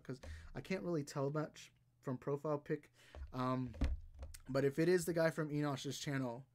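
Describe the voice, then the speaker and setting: A young adult man hosting a live stream, chatting loosely with viewers, rambling with lots of ums and frequent laughs. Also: fairly high pitch. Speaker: livestream host. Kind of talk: casual live-stream chat reading viewer comments.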